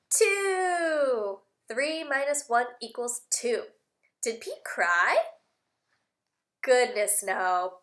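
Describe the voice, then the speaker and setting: A woman teacher doing an animated read-aloud for young children, with exaggerated emphasis, simple explanations, questions and bits of singing. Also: high-pitched. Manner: simple explanatory phrasing with repeated words. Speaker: speech-language teacher reading aloud.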